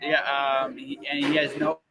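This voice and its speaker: A podcast host chats casually with a guest in an interview, speaking emphatically and repeating words and phrases to drive his points home. His mid-range voice has a flat delivery and measured pace, and crowd noise can be heard.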